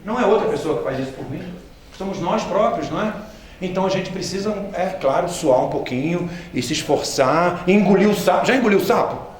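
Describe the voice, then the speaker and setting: A man's voice: high voice, animated, brisk. A man, a missionary giving a church training talk with humorous anecdotes, joking and asking the audience questions directly. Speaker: missionary speaker. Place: large hall with a live audience. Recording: echoey hall from far off, audience audible.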